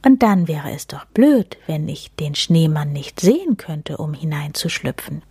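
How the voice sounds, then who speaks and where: A woman's voice: low voice, very animated, a little slow, mellow, slightly rough, dry recording, studio quality, heavily acted. Jack, a woman voicing a kindly snowman spirit. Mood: gentle. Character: friendly magical male snowman spirit. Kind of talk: storybook read-aloud.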